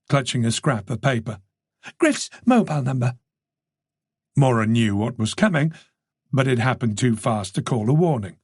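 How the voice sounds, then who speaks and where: A man narrating a mystery audiobook in a measured, steady way. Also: medium pitch, husky, no room sound, clean studio sound. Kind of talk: scripted narration.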